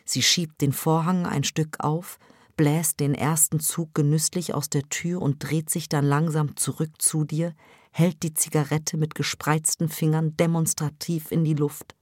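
A woman narrating an audiobook in a calm, measured second-person style. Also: low voice, dry recording, clean studio sound.

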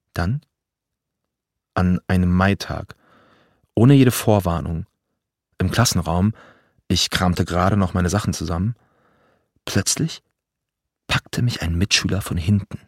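A man in his thirties from Germany narrating a personal story in a measured, vivid, dramatic way. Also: deep voice, no echo, studio quality.

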